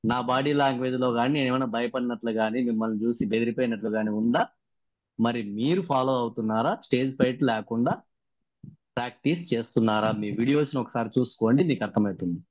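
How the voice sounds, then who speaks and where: A man's voice: mid-range voice, fast, no room sound. A man, the trainer of a workshop, recaps the sessions and keeps putting questions to the participants over a video call. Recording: dry, muffled video-call audio.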